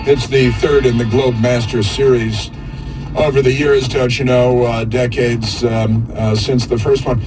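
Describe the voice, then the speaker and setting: A man hosting conservative political talk radio, delivering a halting, rambling monologue in a sarcastic, mocking manner. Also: medium pitch, fairly even intonation, music in the background, rough recording. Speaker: radio talk show host.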